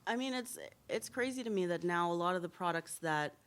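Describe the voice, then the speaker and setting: A hair blogger in her thirties from Trinidad and Tobago speaks as an interview guest at a symposium, telling her story in a lively, candid way. Her voice sits a little low, with a clear, resonant tone, and she talks a little fast.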